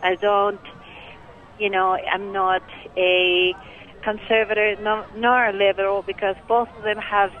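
A woman caller speaks over a tinny, narrow phone line. Her voice sits at a medium pitch, and she gives an earnest, deliberate personal testimony with pauses between phrases. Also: level tone. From Mexico. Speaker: radio call-in listener. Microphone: telephone.

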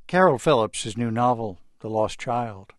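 A man's voice: medium pitch, lively intonation, measured pace, dry recording, studio quality. A man interviewing a guest in a conversational broadcast style. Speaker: radio interviewer.

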